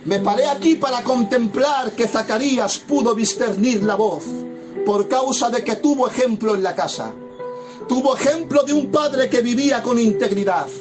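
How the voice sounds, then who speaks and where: A pastor preaches fervently in a high, ringing voice, leaning on repeated phrases for emphasis. Soft guitar music plays underneath, the plucked strings coming through clearly.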